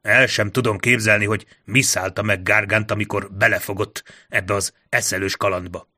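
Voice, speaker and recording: A man doing a brisk commanding general. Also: fairly low pitch, steady tone, pushed and bright.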